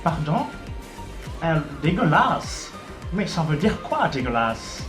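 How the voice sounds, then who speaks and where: A man's voice: on the high side, sing-song, slow pace. A proud young man, put on by a man boasts with many hesitations. The room is roomy, with faint music behind. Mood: boastful.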